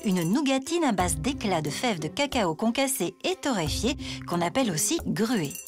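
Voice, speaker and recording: A woman reading scripted voice-over narration for a cooking show in a polished, expressive delivery. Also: medium pitch, moderate pace. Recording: voice-over with music bed.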